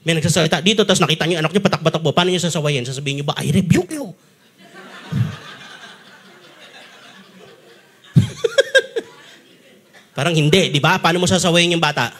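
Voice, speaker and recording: A man's voice: a little high, very fast, few pauses. A man with a Filipino accent preaching a sermon as pastor, telling stories with acted-out sounds and frequent laughter. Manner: animated storytelling, acts out sounds and quotes, laughs often. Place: church stage.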